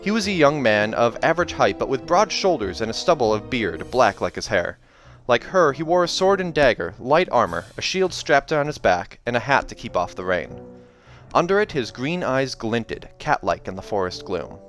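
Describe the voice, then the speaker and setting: Hosting his reading series, this man chats and rambles, frequently correcting himself as he discusses a book and reads passages aloud in a casual video. His mid-range, fairly bright voice swings widely in pitch at a moderate pace, and soundtrack music runs underneath.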